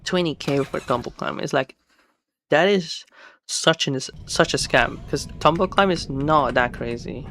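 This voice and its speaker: At a measured pace, a gamer with a slightly high, fairly bright voice talks casually over his solo stream while game music plays. His commentary is chatty and meandering, full of self-corrections.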